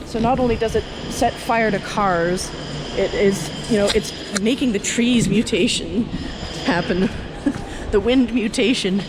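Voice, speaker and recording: Speaking at a measured pace in a medium pitch, a female tour host wanders a London skyscraper and its surrounding streets, offering loose, rambling commentary and dry asides to herself. The handheld stick camera captures noisy outdoor traffic.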